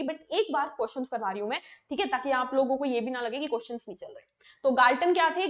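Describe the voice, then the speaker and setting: High-voiced woman teaching exam science. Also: muffled recording. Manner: explains by asking and answering her own questions, with frequent tag checks. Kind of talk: exam-prep lesson.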